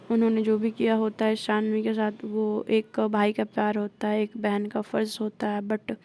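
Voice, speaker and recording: A woman's voice: mid-range voice, vocal fry, dark tone. A woman casually retelling a romance story, quoting the characters' dialogue with many hesitations. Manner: retells scenes with quoted dialogue, frequent hesitations.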